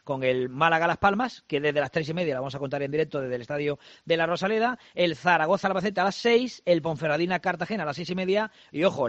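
A man hosting a live sports radio show, chatting and running through fixtures in a brisk, conversational way. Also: a little high, no room sound, muffled recording.

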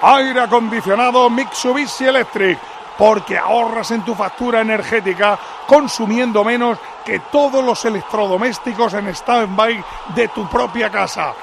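A male announcer with a Spain Spanish accent delivers loud, punchy live sponsor reads on football radio. His voice is high and gravelly, with a noisy stadium crowd behind him. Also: moderate pace. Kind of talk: live promotional read during football broadcast.

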